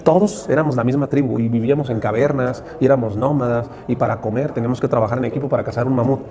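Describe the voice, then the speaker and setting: Against clearly audible crowd chatter, a Mexican-accented interview guest speaks with a medium-pitched, warm voice at a racing pace and fairly even intonation. He talks motivationally and emphatically, leaning on lists and repeated rhetorical questions in a conversational exchange.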